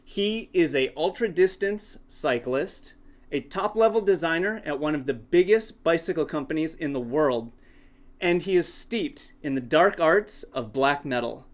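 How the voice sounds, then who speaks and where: An American man hosting a casual podcast interview. His slightly high voice carries eager, rambling questions that loop back on themselves. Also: animated, measured pace. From United States. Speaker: podcast host.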